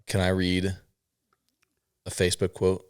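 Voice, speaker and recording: A man's voice: deep voice, monotone, a little slow, smooth, no room sound, studio quality. A man hosting a casual interview podcast, talking and reading aloud as the host.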